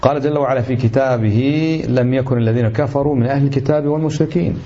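Fast, emphatic religious teacher. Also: male voice, mid-range voice, dark tone, a little hiss or hum. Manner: emphatic, rhetorical questions, indignant. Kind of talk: religious lesson commentary. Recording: slightly dull lo-fi recording.

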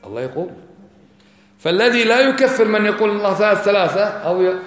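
A man's voice: high-pitched, lively intonation, fast. A man giving a religious lesson, arguing his points with rhetorical questions. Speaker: preacher. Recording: echoey hall.

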